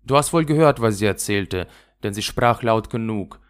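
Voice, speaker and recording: A man's voice: fairly low pitch, animated, normal speed, clear, resonant tone, close to an everyday voice. A man voicing a wild, bossy little robber girl in a fairy tale, with a fierce, teasing manner.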